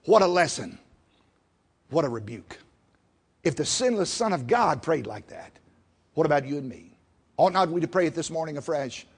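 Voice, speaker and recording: A man preaching a sermon in a folksy way, building to loud emphatic peaks and falling back soft. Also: fairly high pitch, expressive, brisk, gravelly, breathy edge.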